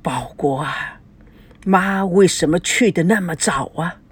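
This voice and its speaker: A woman voicing a sorrowful elder brother in old age, speaking low and hushed. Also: takes it slowly, slightly rough.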